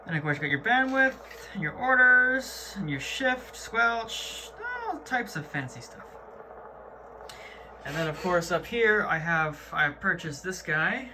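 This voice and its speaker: Talking a little slowly in a high, expressive voice, a hobbyist presenter gives an informal tour of his gear. It's unscripted, slangy and matter-of-fact, filmed indoors with clearly noisy amateur recording.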